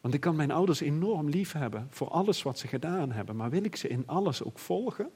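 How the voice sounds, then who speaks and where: A middle-aged man preaching a sermon in an earnest, reflective way, often pausing and restarting. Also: on the high side, animated, a little mellow, breathy edge.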